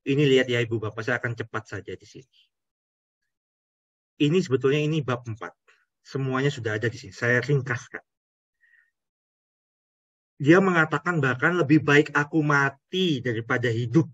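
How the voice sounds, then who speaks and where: Husky-voiced priest teaching Scripture. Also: male voice, medium pitch, moderate pace, long pauses, fairly bright tone, dry recording, lo-fi sound. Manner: asks rhetorical questions, addresses the audience directly. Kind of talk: conversational Bible teaching.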